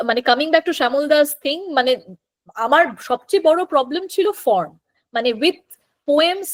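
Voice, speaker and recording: Bengali lady lecturing on translation, high voice, slow and thinking out loud. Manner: thoughtful, often pauses with fillers and restarts. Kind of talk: academic talk mixing Bengali and English.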